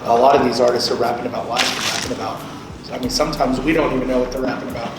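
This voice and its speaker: This man in his late thirties races through an informal instructional talk to a group in a medium-pitched, flat delivery, explaining conversationally and asking short check-in questions. He's a radio programmer appearing as a guest speaker. The sound is echoey and distant-miked, with loud background noise.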